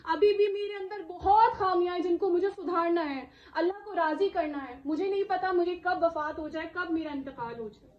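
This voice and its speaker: A woman delivers an emotional religious talk to a gathered audience, her voice pitched very high. She presses her listeners with rhetorical questions and "isn't it?" asides. The sound is echoey and dull, like a lo-fi recording in a hall. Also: normal speed, few pauses. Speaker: Islamic speaker addressing a women's gathering.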